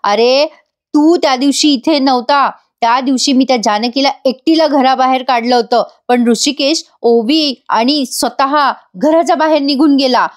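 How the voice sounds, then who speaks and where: A woman's voice: high-pitched, moderate pace, lightly acted. A woman voicing a stern middle-aged mother who commands her quarrelling family. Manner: commanding, exasperated.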